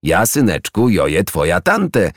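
A man's voice: deep voice, huge pitch swings, slow, no room sound, studio quality, heavily acted. A man reading a storybook aloud and voicing an elderly female hedgehog aunt with a Silesian accent, hearty and homely, who bosses everyone about.

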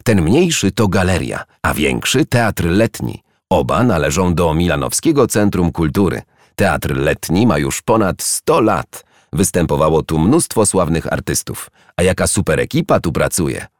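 A man's voice: sits low, sing-song, unhurried, dry recording, studio quality. A man voicing a cheerful female squirrel who chats proudly as a local guide in a children's story. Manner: chatty, bright, proud of her town.

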